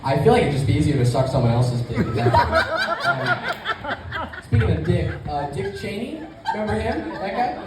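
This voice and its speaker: Doing amateur stand-up for a small live audience, a young man speaks at a normal pace in a high-pitched, sing-song voice, hesitant and rambling. The echoey room is recorded from far away, and background noise comes through clearly.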